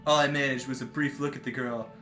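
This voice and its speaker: A man's voice: mid-range voice, fairly even intonation, fast, a bit bright. Playful man reading a visual novel aloud. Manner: playful, reads narration and bickers over parts. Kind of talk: casual let's-read narration. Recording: echoey room with background music.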